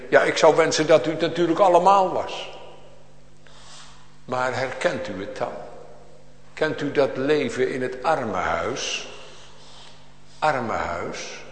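A man preaching a sermon to his congregation, his voice swelling from hushed to loud in dramatic swings. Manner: preaching with big swings of pitch and loudness. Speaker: pastor. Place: church. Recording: echoey church hall with long reverb.

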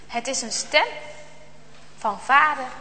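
High, bright-voiced woman telling a story. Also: big-room sound, a little hiss or hum. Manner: dramatic, slow storytelling with hushed tension. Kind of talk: children's Bible story reading.

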